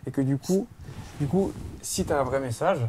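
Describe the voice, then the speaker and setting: A man's voice: medium pitch, normal speed, mellow, slight background noise. A man interviewing in casual talk, skeptical and a little hesitant. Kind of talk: casual conversation.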